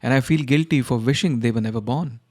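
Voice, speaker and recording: A man playing a despairing, guilt-ridden older scientist and grandfather in an animated short, earnest and emphatic. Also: medium pitch, fast talker, natural voice. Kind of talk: animated short film dialogue.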